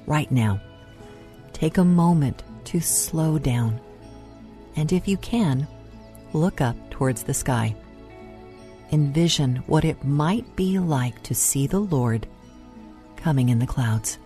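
A woman with a low, mellow voice leads a guided meditation over music. Her delivery is soft and unhurried, with room left between phrases for breathing and prayer. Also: animated. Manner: soft, soothing, unhurried delivery with long pauses. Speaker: meditation host.

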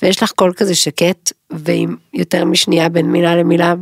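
A middle-aged woman co-hosting a podcast in casual chat, rambling, emotional and quick to joke. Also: on the low side, flat delivery, creaky, no echo, clean studio sound. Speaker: podcast co-host.

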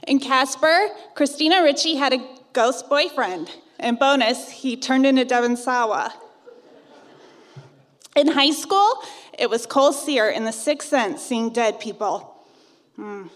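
A woman's voice: fairly high pitch, expressive, a little slow, in a large hall. A woman in her thirties from Iowa, narrating a personal ghost story in a wry, conversational way. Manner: wry, conversational, self-teasing.

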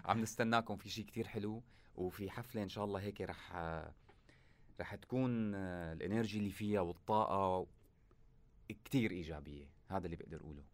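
Fast-talking, low-voiced Syrian man. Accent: Syrian Arabic. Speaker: musician interviewed as a guest. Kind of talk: casual conversational interview.

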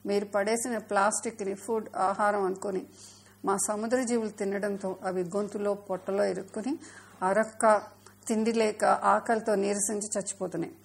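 A woman's voice: medium pitch, little pitch movement, moderate pace, gravelly, slightly rough. A woman voicing a stern, protective dolphin. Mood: grieving. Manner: scolding, urgent. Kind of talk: storybook voice acting.

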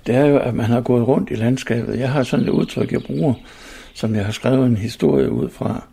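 A man's voice: medium pitch, lively intonation, creaky, warm tone, breathy edge. A man in his sixties, an author and collector, talking in a reflective, rambling way with many restarts. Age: 60s. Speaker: author and stone-age collector. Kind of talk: casual interview talk.

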